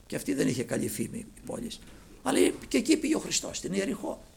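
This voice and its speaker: A man preaching a sermon, swinging from loud cries to hushed near-whispers. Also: high voice, wildly swooping pitch, gravelly, breathy edge.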